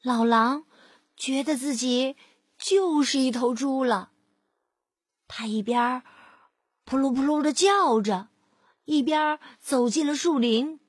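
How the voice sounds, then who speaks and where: A woman reading a picture book aloud to a child, with gentle, drawn-out storytelling and lively emphasis. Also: high-pitched, breathy edge, no room sound, clean studio sound.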